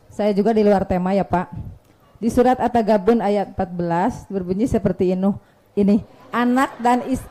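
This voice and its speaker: A woman's voice: mid-range voice, warm tone, poor audio. Polite woman asking a question. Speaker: audience member asking a question. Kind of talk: formal question at a lecture.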